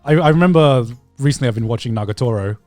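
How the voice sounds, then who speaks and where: A man chatting casually as a podcast co-host in an animated way, often repeating words for emphasis. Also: medium pitch, fast, dry recording, faint music behind. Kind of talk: casual chat.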